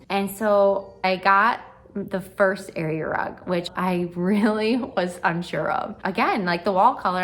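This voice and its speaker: A young adult woman chatting through a home makeover reveal in a gushing, enthusiastic way, stressing and stretching key words. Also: lowish voice. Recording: music behind the voice. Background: background music.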